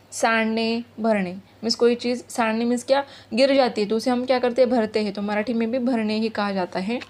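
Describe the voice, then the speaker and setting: A woman's voice: a little high, a little mellow. A woman teacher, patiently explaining a school lesson to children, reading words aloud and asking questions.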